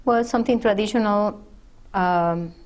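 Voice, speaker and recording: Middle-aged woman from mexico, spanish is her first language, talks real slow and careful, lots of pauses. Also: medium pitch, a little mellow. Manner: slow, thoughtful, with pauses and fillers. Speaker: interviewee. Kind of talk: unscripted interview answers.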